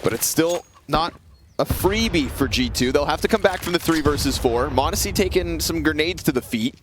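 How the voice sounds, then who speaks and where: A man's voice: a little high, animated, normal speed, noisy background. A man calling an esports match play by play, with dramatic, punchy caster delivery.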